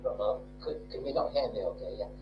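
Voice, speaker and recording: A man on a live stream call with a garbled, underwater-sounding connection, asking casual questions in a halting way and repeating himself. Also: mid-range voice, muffled recording, faint music behind.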